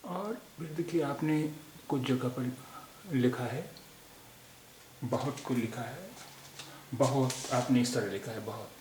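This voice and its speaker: A man's voice: medium pitch, lively intonation, a little mellow, slight background noise. Patient male teacher in an echoey room. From India. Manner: patient, repeats words slowly with many pauses. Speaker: language teacher. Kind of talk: explaining spelling corrections.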